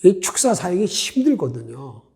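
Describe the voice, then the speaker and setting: Male pastor, earnest sermon to a small group, fairly high voice, asks questions. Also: sing-song, normal speed, gravelly, warm tone.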